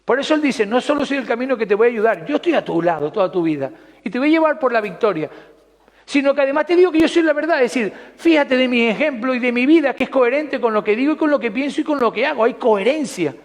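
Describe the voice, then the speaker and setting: A man's voice: very high-pitched, expressive, quick pace, big-room sound. A man preaching a sermon, conversational and putting questions to the congregation.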